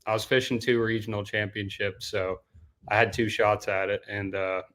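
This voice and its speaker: A young man from Denmark speaks as the guest on a casual podcast. He has a somewhat low voice and talks in a loose, rambling way. He says dude a lot. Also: level tone, normal speed, fairly bright tone. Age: young adult. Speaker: guest, professional bass angler.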